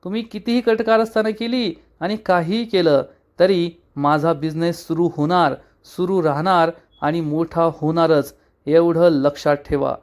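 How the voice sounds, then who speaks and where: A man's voice: on the high side, fairly even intonation, measured pace, close to an everyday voice. A man voicing a determined young woman who pleads and stands firm, retold in a serial recap.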